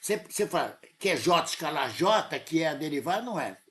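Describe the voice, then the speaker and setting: With a fairly high, sing-song voice that's a bit bright, a man tutors a student in math live, speaking briskly. He has a Brazilian Portuguese accent and keeps insisting and correcting the student often.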